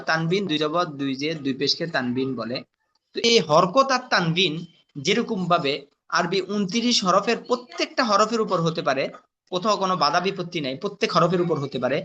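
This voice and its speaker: A man teaching Quran letter reading in a patient classroom lesson, spelling out sounds slowly and quizzing his students with questions. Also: sits high, bright, forceful tone, highs cut off.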